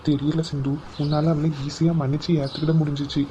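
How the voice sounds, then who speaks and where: A man voicing an aging father in a cartoon, speaking quietly with hurt and reproach. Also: a little high, flat delivery, a little fast, slight background noise, lightly acted. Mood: hurt, reproachful. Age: older. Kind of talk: Tamil cartoon voice acting.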